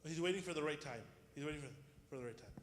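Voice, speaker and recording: A male religious teacher with a fairly high voice leads an informal class. He explains step by step, putting questions to listeners and restating key points. The room is very echoey, with faint background noise. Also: rapid-fire. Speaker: Islamic teacher. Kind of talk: informal interactive religious lesson. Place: indoors in a reverberant room.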